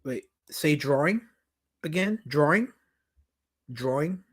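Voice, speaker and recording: A husky, slow-paced man with a fairly high, expressive voice and a New York accent hosts a livestream Q&A as a documentary director. He reads viewer comments in casual chat, answering questions in a rambling, emphatic way full of restarts and repetitions.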